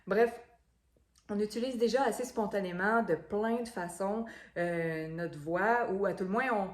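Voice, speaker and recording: A voice coach, a woman with a medium-pitched voice, explains things at a measured pace in an instructional video. She uses frequent fillers and repeats words, and the recording sounds roomy.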